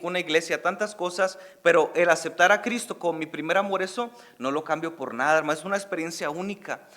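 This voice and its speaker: A Mexican man preaching a sermon as pastor, swelling into emphatic calls of "hermanos" and dropping to a hushed tone to tell his testimony. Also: a little high. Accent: Mexican Spanish. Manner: drops to a soft, hushed storytelling voice for his testimony. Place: church service.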